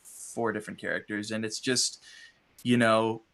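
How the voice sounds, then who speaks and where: A man talking casually as a podcast guest, upbeat and animated, a voice impressionist. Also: lowish voice, moderate pace, creaky.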